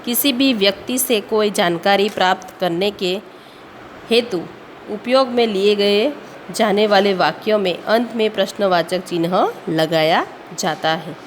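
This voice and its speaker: A woman teacher explaining a grammar lesson, reading examples slowly and asking the listener rhetorical questions, slipping English words into her explanation. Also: mid-range voice. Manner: slow, deliberate reading with frequent pauses and rhetorical questions. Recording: long reverb, faint ambient noise.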